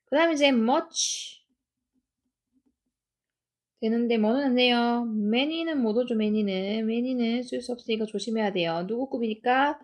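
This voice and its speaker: A woman teaching English grammar, explaining each sentence step by step and reading the English lines slowly. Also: on the high side. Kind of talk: grammar lesson.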